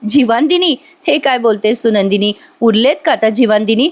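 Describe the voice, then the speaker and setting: Hurt young husband, reproachful and heartfelt, in a fairly high voice, as a woman reads him. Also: normal speed, lightly acted.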